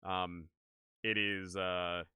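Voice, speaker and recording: A man livestreaming a video game, chatting casually and excitably with viewers in an animated, exclaiming way. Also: deep voice, very slow, smooth, no echo. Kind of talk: casual livestream gaming chat and commentary.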